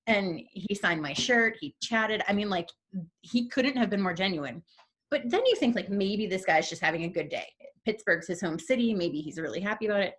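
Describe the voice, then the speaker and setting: A woman, hosting a casual interview and telling an animated story, acting out quotes with gushing energy. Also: mid-range voice, normal speed. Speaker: podcast host.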